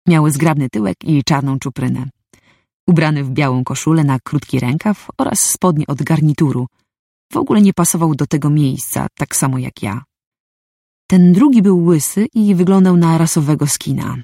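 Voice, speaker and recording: A woman's voice: low voice, gravelly, mellow, no room sound, clean studio sound. A woman reading a first-person story aloud, with a wry, inner-monologue manner. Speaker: audiobook narrator.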